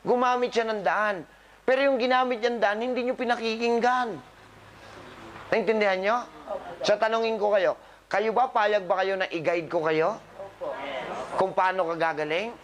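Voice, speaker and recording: A man's voice: sits high, fairly even intonation, moderate pace, long pauses, a bit bright, slight background noise. A man, a doctor, giving a live talk to patients, scolding them with humor and quizzing the audience. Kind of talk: live motivational health talk.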